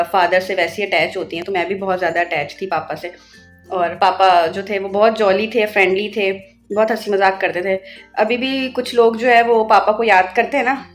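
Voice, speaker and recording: A young woman vlogging in a casual, chatty way, telling family stories and turning soft and wistful when she remembers. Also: mid-range voice. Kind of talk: casual vlog chat.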